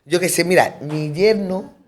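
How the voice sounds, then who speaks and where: Middle-aged woman, radio talk show guest, round-table chat, lively storyteller, acts out quoted dialogue, rambling with emphatic repeats. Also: on the low side, a little slow. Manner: rambling, with restarts and emphatic repetitions. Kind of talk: round-table conversation, anecdote telling.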